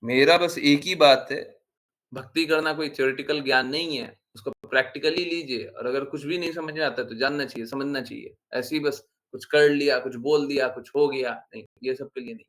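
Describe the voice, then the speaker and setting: A man giving an informal devotional talk as a spiritual teacher, animated and scolding with rhetorical questions. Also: mid-range voice, normal speed.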